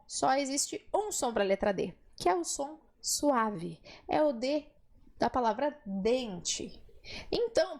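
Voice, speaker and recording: A woman teaching an online Spanish pronunciation lesson, lively and encouraging, slowing down to model words. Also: high-pitched.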